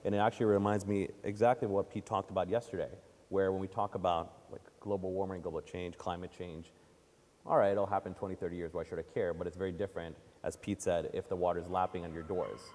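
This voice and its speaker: Male moderator, low and quick, brisk conversational, reverberant hall with faint noise. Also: flat delivery, darkish tone. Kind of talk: live panel talk. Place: conference hall.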